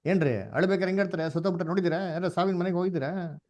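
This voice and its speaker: A man's voice: sits high, racing, darkish tone. A man with a Kannada accent teaching an online Bible class, asking questions and mixing English words into his talk. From India.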